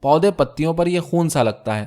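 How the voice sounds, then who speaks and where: A man doing a sharp-tongued scolding mother. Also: on the high side, animated, voice pushed up, close to an everyday voice.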